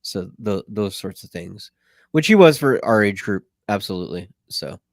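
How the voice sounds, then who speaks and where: A man's voice: lowish voice, lively intonation, moderate pace, no room sound, clean studio sound. A man hosting a podcast, running segments in an easygoing way with lots of agreeing. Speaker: podcast host. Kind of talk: casual podcast chat.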